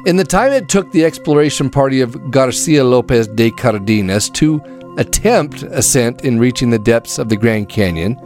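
A man's voice: mid-range voice, a little mellow. A man reading a scripted narrative as a storyteller, with dramatic, folksy phrasing.

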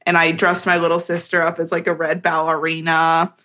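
A woman's voice: deep voice, monotone, fairly quick, sharp tone. A young woman co-hosting a podcast, telling stories in casual chat with lots of "like". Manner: chatty storyteller, heavy use of "like". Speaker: podcast co-host.

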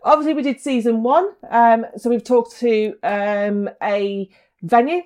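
A woman's voice: a little high, a little slow. Chatty woman co-hosting a podcast. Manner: chatty, lively, lots of ums. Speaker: podcast co-host, wedding photographer. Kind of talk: casual chat.

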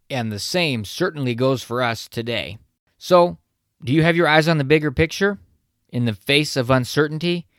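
A man gives a short devotional podcast talk, earnest and direct, putting questions to the listener. His voice sits at an ordinary middle pitch. The sound is dry and close, with no room echo. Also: a bit bright. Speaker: host.

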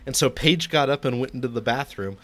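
A man co-hosting a film podcast in casual chat, easygoing and quick to laugh. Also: medium pitch, fairly bright tone. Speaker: podcast co-host.

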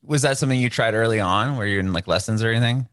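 A man's voice: fairly low pitch, rapid-fire, a bit bright, no room sound, studio quality. A man hosting a music podcast, chatting casually and upbeat over a video call, with short friendly affirmations. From San Diego, Southern California. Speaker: podcast host. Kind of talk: casual interview chat.

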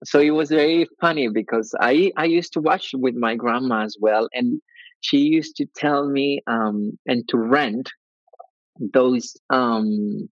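Colombian-accented man, hesitant and gravelly. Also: mid-range voice, slow, no room sound, dull audio. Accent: Colombian Spanish. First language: Spanish. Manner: hesitant, many restarts and fillers. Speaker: guest. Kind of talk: podcast interview.

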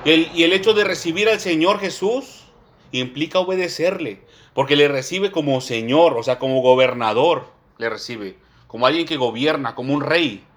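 A man preaching a sermon, reading scripture slowly and with emphasis and often calling his listeners brothers. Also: a little high, a bit bright.

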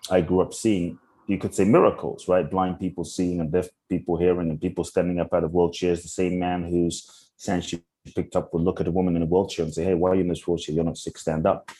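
A young adult man, a podcast guest from Ghana and London, telling his life story earnestly with slow, searching restarts. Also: low-pitched, flat delivery, warm tone, husky. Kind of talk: reflective interview storytelling.

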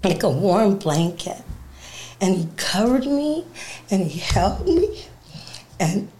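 A woman telling her personal testimony as a guest, animated, acting out the voices of people in her story and laughing as she talks. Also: mid-range voice, slow pace, a little hiss or hum. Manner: animated, acts out quoted dialogue. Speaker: interview guest.

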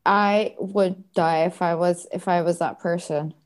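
A woman's voice: on the low side, fairly even intonation, measured pace. A woman co-hosting a podcast, chatting casually, reacting with short replies and frequent laughs. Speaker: podcast co-host. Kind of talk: casual chat.

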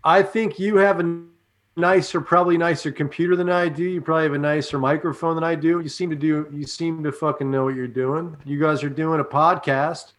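A man's voice: on the high side, steady tone, brisk. A man, a podcast guest speaking bluntly and profanely with a teasing edge. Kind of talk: casual podcast chat over a call.

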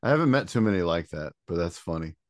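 Guest musician, male, from Michigan, low voice, relaxed and laughing, dry sound. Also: quick pace, dry recording. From Michigan, USA. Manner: easygoing, laughs often. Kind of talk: casual interview chat.

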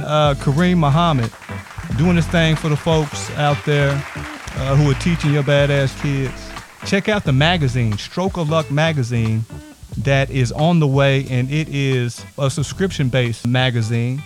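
A man hosting a podcast from a house, talking loose and hyped with plenty of shout-outs. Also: fairly high pitch. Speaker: podcast host. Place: a house set up as a home studio.

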